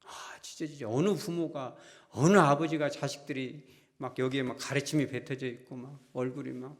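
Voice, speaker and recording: A man preaching a sermon as pastor, telling stories in animated fashion, acting out quoted voices and putting questions to the congregation. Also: medium pitch, normal speed.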